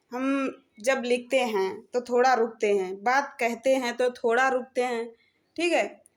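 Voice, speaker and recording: A woman with a high voice explains a grammar lesson. She goes step by step, repeating each point and pausing to check in with her students. Her speech mixes in terms along the way. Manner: slow, repeats points, says "theek hai" often. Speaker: Hindi grammar teacher.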